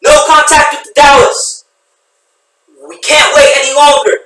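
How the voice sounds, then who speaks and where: A man voicing a helicopter crewman yelling urgent orders. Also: extremely high pitch, flat delivery, measured pace, voice pushed up, exaggerated voice. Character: male helicopter crewman shouting over noise. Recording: echoey room, voice from a distance.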